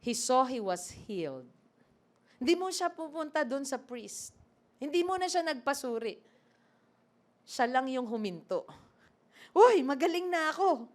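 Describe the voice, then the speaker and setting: A woman preacher giving a lively sermon, acting out scripture and asking the congregation questions. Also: sits high, a little slow, long pauses. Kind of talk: sermon mixing Tagalog and English.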